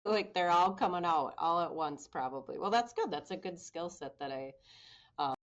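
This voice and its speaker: A woman with a notably low voice answers interview questions. She is candid, brisk and quick to poke fun at herself. The audio is dull and lo-fi. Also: expressive. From Minnesota. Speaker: guest, public safety communications official. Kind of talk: conversational interview.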